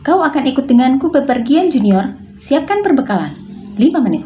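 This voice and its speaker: A woman's voice: medium pitch, big pitch swings, moderate pace, roomy sound, highs cut off, faint music behind, close to an everyday voice. A woman reading aloud as an older male hitman, clipped and commanding.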